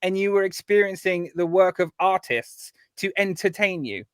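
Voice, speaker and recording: English man, guest composer, casual rambling chat, slightly high voice, dry close sound. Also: moderate pace, clear, resonant tone, dry recording. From England. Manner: relaxed, rambling, full of ums.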